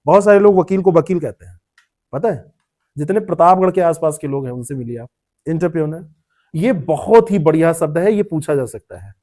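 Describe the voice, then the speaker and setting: A man's voice: fairly high pitch, lively intonation, a little fast, mellow. A man teaching a classroom lecture, explaining word meanings, repeating terms and quizzing students by name. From India.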